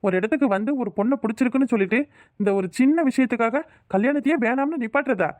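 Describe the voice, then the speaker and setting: A woman's voice: fairly high pitch, fast talker, darkish tone, lightly acted. A woman voicing an earnest young man, the groom in a cartoon, who protests respectfully and reasons with his elders. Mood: protesting.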